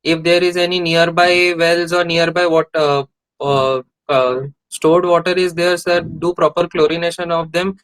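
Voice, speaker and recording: Young Indian man, clear voice, nervous formal interview. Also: fairly high pitch, a bit bright, no room sound, low-quality recording. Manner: deferential, hesitant formal delivery, often adding "sir". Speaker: interview candidate. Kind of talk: formal mock job interview answers.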